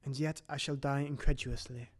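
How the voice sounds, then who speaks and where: Voicing a shaken Victorian doctor in an audio drama, a man tells a horrifying tale with formal, dramatic, measured narration. His pitch is medium and his tone steady, much like an ordinary speaking voice. He comes across as grave and despairing.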